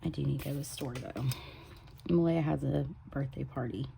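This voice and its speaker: A woman with a drawl talks through her weekly planner in an unhurried, chatty way. Her voice is low, mellow and heavy with vocal fry. A faint hiss sits under the home recording. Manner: chatty, drifts into soft whispers while working. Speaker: planner vlogger. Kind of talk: casual plan-with-me chat. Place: home desk.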